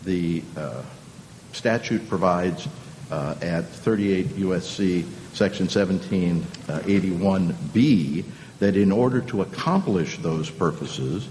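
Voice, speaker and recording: A man arguing formally as a lawyer before a court, deliberate and halting with frequent hesitations. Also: a little mellow. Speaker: appellant's lawyer. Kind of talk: formal oral argument to a court. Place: large conference hall. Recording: reverberant hall, faint rumble.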